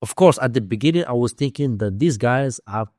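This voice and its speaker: With a mid-range, expressive voice and a darkish tone, this Moroccan-accented man speaks in a dry recording. He's a guest who teaches domain investing, and his conversational storytelling comes out hesitant and repetitive in non-native English.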